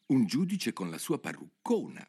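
A man voicing a curious, easily indignant little girl in a storybook reading, in a hushed voice. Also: medium pitch, wildly swooping pitch, normal speed, husky, voice pushed up, heavily acted. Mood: musing.

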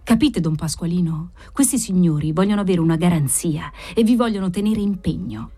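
A woman's voice: lowish voice, brisk, mellow, slightly rough. A woman reading aloud voices a lottery-shop keeper who coaxes in a falsely soothing way. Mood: coaxing.

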